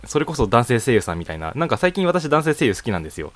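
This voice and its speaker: Fast and a bit bright, this young student-age man's medium-pitched voice swings widely in pitch on a dry recording. Alone in a home room, he hosts his net radio show, answering a voice questionnaire in a rambling way full of chuckles and casual fillers.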